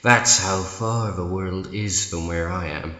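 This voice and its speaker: A man playing a manic, mocking comic-book clown villain in a theatrical monologue, with taunting, drawn-out delivery. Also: deep voice, pushed and bright, full character voice. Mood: menacing, taunting. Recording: echoey room with long reverb.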